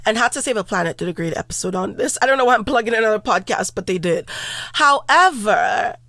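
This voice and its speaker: A woman's voice: mid-range voice, expressive, quick pace, creaky, fairly bright tone, no room sound. A young woman co-hosting a casual podcast chat, candid and blunt, laughing easily. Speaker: podcast co-host.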